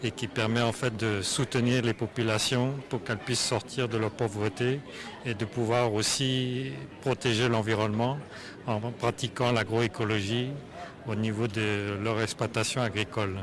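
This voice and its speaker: A man's voice: on the low side, fairly even intonation, moderate pace, crowd noise. A man giving an interview statement in a pleased manner. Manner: pleased, chuckling.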